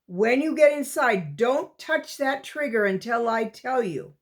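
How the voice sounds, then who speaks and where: A woman's voice: on the high side, animated, measured pace. A woman voicing a determined young mountain boy in a storybook reading, urgent and commanding.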